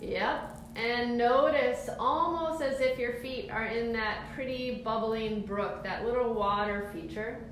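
A woman with a slightly high voice guides a calm grounding exercise as an instructor. She speaks slowly, with soothing and encouraging cues that move step by step through the body. The room is very echoey around her. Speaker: movement and mindfulness instructor. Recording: very echoey room, faint background noise.

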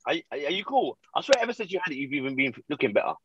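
A man's voice: fairly high pitch, big pitch swings, racing, a bit bright, lo-fi sound, a little hiss or hum. A man with an urban London roadman accent, chatting casually in slangy street style. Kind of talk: casual group chat.

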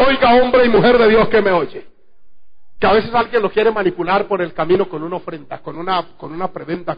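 A man with a high voice preaches a sermon with fervor. He keeps jumping from loud cries to near-whispered asides. The recording sounds dull and lo-fi. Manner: fervent, swings between loud exclamations and low murmurs.

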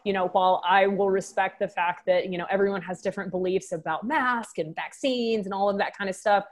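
A Texan woman who owns a med spa answers interview questions in a casual, upbeat way, laughing often and restarting her sentences a lot. She has a Texan accent and a medium-pitched voice with fairly even intonation, and she talks a little fast.

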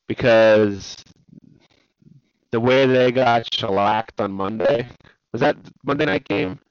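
A man's voice: mid-range voice, slow, clear, resonant tone, no echo, lo-fi sound. A man co-hosting a podcast in casual chat, making wry, teasing short remarks. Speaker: podcast co-host.

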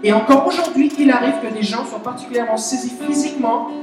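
A woman with a Québécois French accent preaching a chatty, animated sermon, asking the audience questions. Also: on the high side, quick pace. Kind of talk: conversational sermon. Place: church meeting hall. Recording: very echoey hall, voice from a distance. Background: soft guitar music.

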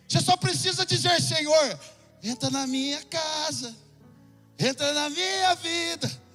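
A middle-aged Brazilian pastor preaching with fervor, his very high, bright, forceful voice lifting into sung phrases. He mixes slangy, chatty storytelling with rousing calls. A long church-hall reverb trails each phrase over faint music. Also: a little slow. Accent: Brazilian Portuguese. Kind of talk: sermon with personal testimony.

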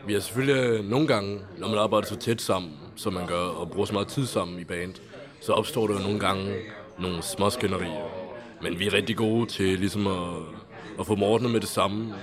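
Low-voiced Danish band member. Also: male voice, a crowd in the background. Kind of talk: casual interview answers.

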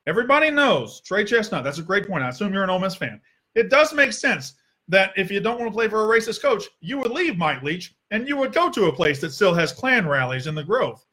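A man delivers a heated, sarcastic sports rant in a bright voice that sits a little high. He swears freely as he hosts his podcast. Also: very animated, a little fast.

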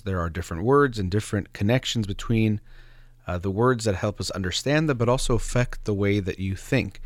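A man with a fairly low voice hosts a radio show, musing alone in an explanatory, somewhat hesitant monologue. He sits close to the mic, and the recording is dry.

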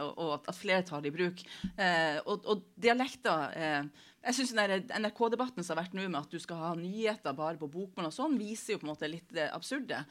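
A woman speaking as a local politician in a panel debate, earnest and a little hesitant. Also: lowish voice. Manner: earnest, hesitant, many fillers.

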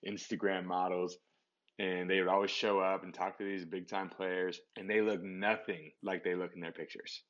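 Deep voiced guy in his 30s rambling on a podcast, lots of restarts, kinda muffled audio. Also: level tone, normal speed, a bit bright. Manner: rambling, many restarts and fillers. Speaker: podcast guest. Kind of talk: casual interview chat.

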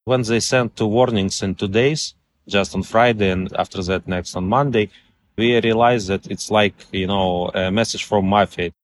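A man from Russia with a Russian accent, an editor giving an interview in halting non-native English. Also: fairly low pitch, fairly even intonation. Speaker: newspaper editor being interviewed. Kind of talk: interview conversation. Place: outdoor park bench. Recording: faint outdoor background noise.

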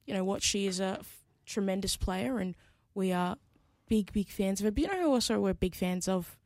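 Casual woman podcaster with gravelly fry. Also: mid-range voice, normal speed, a little mellow, no room sound, studio quality. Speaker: podcast co-host. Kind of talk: casual sports chat.

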